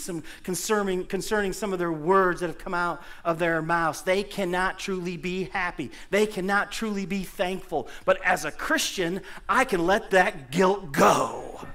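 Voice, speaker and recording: A middle-aged man preaching in a church sanctuary, his voice pitched high and ringing bright. He speaks into a handheld mic at the pulpit and swings between steady teaching and loud, animated calls to the congregation. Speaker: pastor. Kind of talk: sermon.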